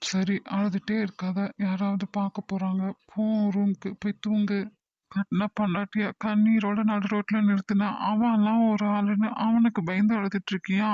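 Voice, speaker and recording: A performer playing a calm, firm husband in a cartoon, with a Kongu Tamil accent, who talks in a measured, lecturing and reassuring way. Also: mid-range voice, no room sound, natural voice. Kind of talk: cartoon voice acting. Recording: dull dry lo-fi recording.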